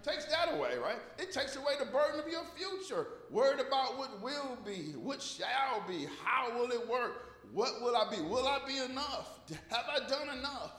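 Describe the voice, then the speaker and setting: An American man gives an informal, conversational sermon to a congregation in a large hall, repeating phrases for emphasis and calling for responses. His voice is extremely high and slightly bright, with a sing-song lilt, a moderate pace, and hardly any pauses. The room is echoey with a long reverb.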